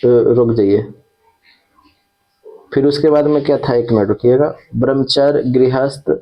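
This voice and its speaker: A man's voice: medium pitch, a little slow, lo-fi sound. A man teaching an exam-prep lesson who repeats key terms and checks in with his students after each point.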